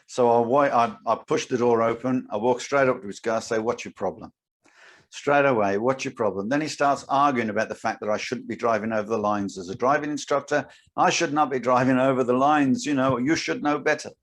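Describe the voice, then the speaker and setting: An older man, a podcast co-host telling an animated story in casual chat. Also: mid-range voice, fairly quick. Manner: animated storyteller, acts out his own lines.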